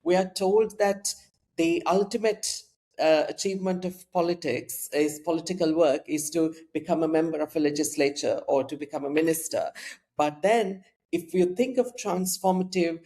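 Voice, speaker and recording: An interview host asking thoughtful questions in a measured, reflective way, with frequent fillers. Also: medium pitch, mellow. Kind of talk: interview conversation.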